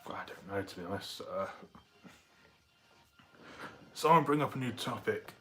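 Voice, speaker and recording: A man's voice: lowish voice, animated, a little slow, pushed and bright, soft background music. A young man with a Southern English accent, chatting loosely and rambling with his viewers on a live stream. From England. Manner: rambling, loose, with many fillers. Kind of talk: casual live-stream chat.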